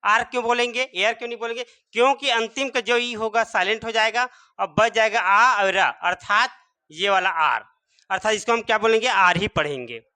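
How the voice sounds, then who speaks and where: A man's smooth, high-sitting voice, pushed and bright, moves at a moderate pace as he teaches English spelling and pronunciation. Sounding words out letter by letter in a classroom style, he repeatedly asks rhetorical questions and answers them himself.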